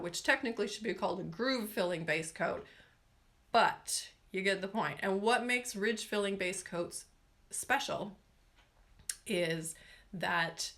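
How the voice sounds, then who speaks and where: A woman's voice: on the low side, fairly bright tone. A middle-aged woman explaining nail care in a casual talk, chatty and rambling, full of fillers and asides.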